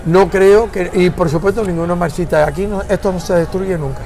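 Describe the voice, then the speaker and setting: A man's voice: high-pitched, fairly even intonation, fairly quick, gravelly, a little mellow. An older man from Florida in a conversational interview, talking emphatically and searching for words, at times slipping into English. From Florida, United States.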